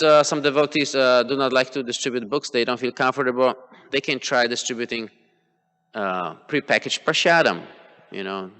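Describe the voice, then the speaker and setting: In a temple hall with long reverb, a Polish-speaking man teaches a devotional class, drawing on personal examples. He talks hesitantly, with plenty of fillers and restarts. His fairly low voice sounds smooth, pushed and bright.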